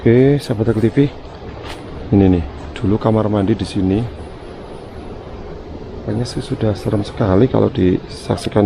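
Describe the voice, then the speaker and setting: Deep, creaky-voiced man vlogging outdoors. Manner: hesitant, uneasy, talking to viewers. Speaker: vlogger, channel host. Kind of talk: casual spoken exploration vlog. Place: outdoors around an overgrown empty house. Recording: noisy outdoor handheld recording, ambient hum.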